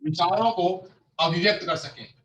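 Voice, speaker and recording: A man teaching a lesson. He repeats his phrases slowly and asks questions that he answers himself. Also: high voice, a bit bright, roomy sound, distant mic. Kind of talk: exam-prep lecture.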